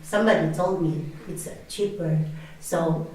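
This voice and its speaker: A woman's voice: sits low, darkish tone. A woman from the Philippines, a former nurse now working as a carer, telling her story hesitantly in an interview. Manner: hesitant, halting, with laughs. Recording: echoey room from far off.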